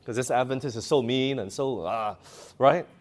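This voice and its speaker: A man's voice: mid-range voice, fairly quick, darkish tone. A man preaching a sermon, emphatic, asking the audience questions and reading scripture aloud.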